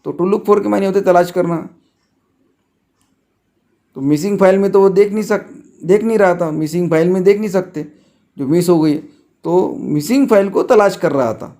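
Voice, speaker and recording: A man teaching a grammar lesson, patiently restating the rules and dictating example sentences slowly, word by word. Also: sits high, dark tone.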